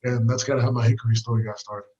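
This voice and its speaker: Young US man, quick relaxed storyteller on a walk, slightly muffled recording. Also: medium pitch. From United States. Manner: easygoing, rambling with many fillers. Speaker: guest, fighter. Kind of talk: casual storytelling interview. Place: walking outdoors.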